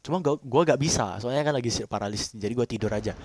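A man's voice: medium pitch, quick pace, a crowd in the background. Young man rambling through a scary story. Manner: rambling, repeats himself. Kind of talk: casual horror storytelling.

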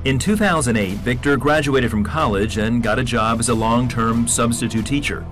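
Male narrator, scripted documentary read, mid pitch, faint music underneath. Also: normal speed, fairly bright tone.

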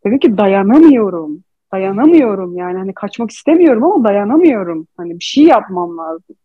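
A woman's voice: medium pitch, very animated, fairly quick, husky, dry recording. A woman in casual confessional chat, telling a personal story candidly and emotionally, on a dull lo-fi recording.

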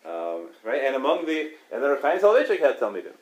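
Huge swings in pitch animate this man's mid-range, darkish voice as he teaches Talmud study in a relaxed, chatty style. A Torah teacher, he often tacks "right?" onto his remarks, restarts quickly, and chuckles.

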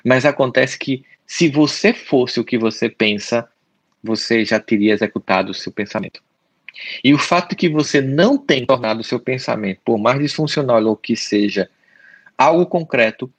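Husky Brazilian man explaining earnestly. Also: medium pitch, animated, moderate pace, no echo, highs cut off. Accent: Brazilian Portuguese. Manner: repeats key points, addresses listener directly. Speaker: podcast host on the mind. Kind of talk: explanatory solo talk.

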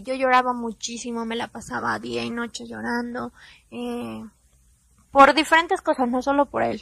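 A young Mexican woman tells a personal story straight to her viewers in a candid, confessional way, full of casual slang. Her voice sits high with a gravelly fry running through it. The sound is dry and close, with no room around it. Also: no echo. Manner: candid, confessional, slangy, soft-spoken at times.

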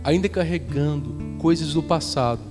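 Emphatic Brazilian preacher in an echoing hall. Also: male voice, fairly high pitch, moderate pace. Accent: Brazilian Portuguese. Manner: emphatic, repeats phrases for weight. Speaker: pastor. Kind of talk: sermon with storytelling. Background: soft guitar from the worship band.

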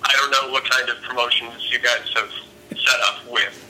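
A man on a phone speakerphone from home, chatting casually in a hesitant, laid-back way with lots of ums and pauses. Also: medium pitch, level tone, sharp tone, a little hiss or hum, low-quality recording. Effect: heard over a phone speakerphone. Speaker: phone-in guest. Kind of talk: casual improvised chat.

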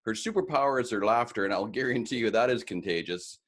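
A man's voice: on the low side, quick pace, a bit bright. A man hosting a podcast interview, enthusiastic and chatty with some filler words. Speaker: podcast host. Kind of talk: casual interview.

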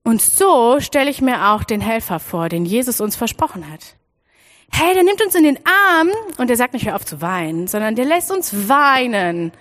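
A young woman from Freiburg giving an animated children's sermon and speaking straight to her listeners. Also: on the high side, moderate pace. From Freiburg, Germany. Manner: animated storytelling, addresses listeners directly.

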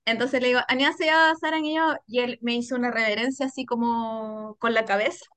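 A Chilean woman telling a story on a casual podcast chat, animated and slangy, laughing often. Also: on the high side, fairly quick, no room sound. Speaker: podcast co-host.

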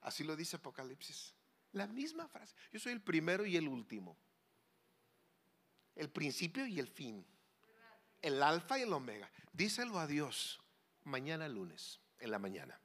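A man preaching a sermon as a pastor, swinging between loud pleading cries and hushed, low asides. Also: wildly swooping pitch, unhurried, long pauses. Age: 40s or older.

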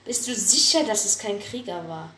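A woman's voice: medium pitch, expressive, moderate pace, sharp tone. A woman voicing a suspicious, insistent male warrior cat clan leader in a spoken story.

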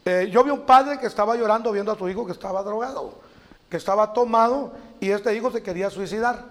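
A middle-aged preacher man with a very high voice. He tells lively stories and acts out the people he quotes, chuckling along the way. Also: quick pace. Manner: animated, acts out quotes, laughs at his own stories. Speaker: preacher guest. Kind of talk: storytelling sermon chat.

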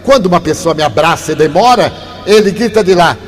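An older man giving a spiritist lecture, telling stories that move from hushed tones to animated ones. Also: high-pitched, brisk, faint music behind. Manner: warm storytelling, shifts from hushed to animated. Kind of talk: inspirational lecture with storytelling. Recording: long hall reverb, faint background noise.

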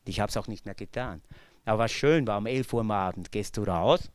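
A man with an Austrian accent giving an earnest personal testimony, his voice swinging between loud emphasis and hushed low tones. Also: a little fast, very noisy. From Bucklige Welt, Lower Austria. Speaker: speaker from a faith-based recovery community. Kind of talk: personal testimony talk to an audience.

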